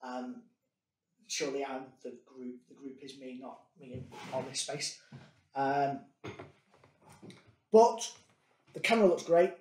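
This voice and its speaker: In a mid-range voice with a darkish tone, the product demonstrator takes it slowly, leaving long pauses as he chats and thinks aloud through a casual gear demo full of "um" and "uh." He's in an echoey meeting room with a large table, recorded on distant conference room device mics whose distance varies, with a little hiss or hum.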